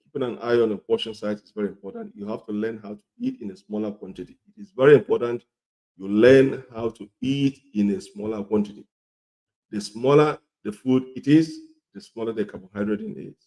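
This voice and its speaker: A man with a coarse, gravelly voice, hoarse from a cold, giving emphatic, repetitive instructional talk to viewers as a health presenter. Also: fairly low pitch, sing-song, brisk, a little mellow.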